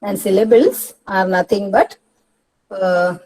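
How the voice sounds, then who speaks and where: Drawing out her words, a Malayali-accented woman from Kerala, India, tutors English pronunciation for an exam in a Malayalam-English lecture, going step by step and repeating key words. Her voice is mid-range and a little mellow, and the audio quality is poor.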